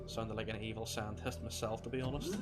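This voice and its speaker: A man streaming a video game, giving relaxed, chatty commentary with a mildly self-mocking tone. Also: lowish voice, fairly quick. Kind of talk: casual gameplay commentary. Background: game music.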